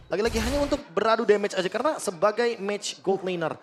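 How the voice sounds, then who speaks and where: A man's voice: high-pitched, expressive, fast talker. A man with an Indonesian accent giving analytical esports commentary on a match. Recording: music behind the voice. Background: music.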